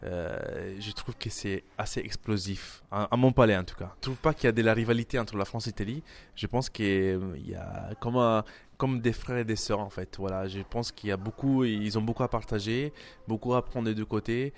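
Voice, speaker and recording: In relaxed interview replies given in French, a young Italian chef and restaurateur in his twenties, who grew up in Milan, speaks at normal speed in a low male voice. His delivery is hesitant, stumbling through fillers and fresh starts.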